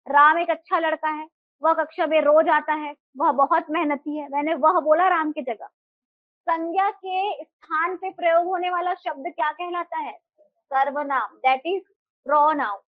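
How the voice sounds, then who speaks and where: A woman's voice: extremely high pitch, no echo, phone-quality sound. A woman teacher giving a live class, explaining and putting questions to her students in a mix of Hindi and English.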